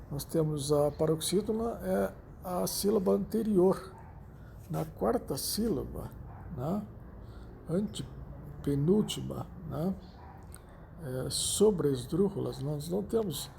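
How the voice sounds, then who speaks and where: A man with a Brazilian Portuguese accent teaching a language lesson, explaining slowly and often checking in with the listener. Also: fairly high pitch, creaky, dark tone, slight background noise. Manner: slow, repeats himself, frequent "né?" and "tá?" checks.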